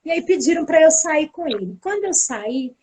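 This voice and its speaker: A teacher and pedagogical coordinator with a high voice shares a casual anecdote at normal speed. She tells it with lively energy, acting out the dialogue.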